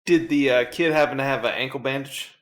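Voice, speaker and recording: A man playing in a tabletop game, joking along and throwing in quick quips. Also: medium pitch, fairly even intonation. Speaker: player. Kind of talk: casual play at a tabletop game.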